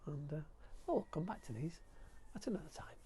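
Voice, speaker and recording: Yorkshire bloke vlogging from his allotment, chatty and giddy, bit high voiced, clip mic outdoors. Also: brisk, slight background noise. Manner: chatty, excitable, talks to the camera. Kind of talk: casual gardening vlog. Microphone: clip-on mic with lead.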